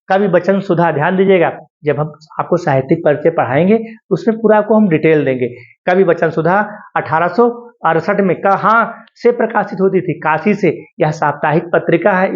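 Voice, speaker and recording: A man with a high voice lectures on Hindi poetry, explaining it line by line. He keeps coming back to the same points and speaks to his students with fondness. The sound is dull and lo-fi, as from a cheap mic. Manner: addresses students fondly, repeats points, chants verses slowly. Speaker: Hindi literature teacher.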